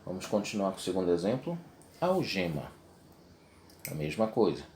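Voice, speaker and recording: A man's voice: low-pitched, very animated, moderate pace, a little mellow, a little hiss or hum. A young adult man teaching a video lesson, explaining step by step and checking in with his class.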